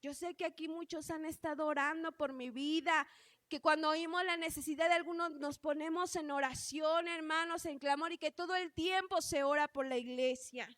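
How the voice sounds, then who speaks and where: A woman's voice: high-pitched, fairly even intonation, moderate pace, fairly bright tone, no room sound, clean studio sound. A woman preaching a sermon in an earnest way, often calling out to her congregation as brothers.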